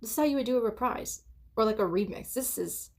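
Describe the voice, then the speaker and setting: A woman musician giving casual reaction commentary on an album, excitable and analytical, now and then humming or singing along. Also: a little high, fast, noisy background. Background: the reviewed song playing loudly.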